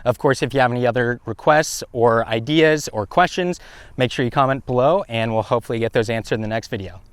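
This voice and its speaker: The host of a review video talks fast about a camera test, explaining things in a casual, informal manner with a clean, medium-pitched voice and no room sound. He's on a windy hilltop using the action camera's built-in mic, so heavy wind noise fills the outdoor recording.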